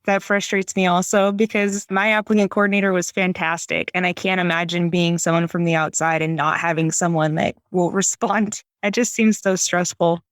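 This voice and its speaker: A woman's voice: on the low side, flat delivery, normal speed, few pauses, no echo, clean studio sound. A woman who is a new FBI agent, sharing enthusiastic, motivational advice on a podcast.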